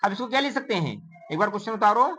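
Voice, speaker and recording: During a classroom lesson, a woman teaching math counts digits out loud, slips in English number words, and coaxes her pupils with repeated questions, calling them "beta." She speaks very fast in an animated, mid-range, fairly bright voice, over soft background music in a low-quality recording.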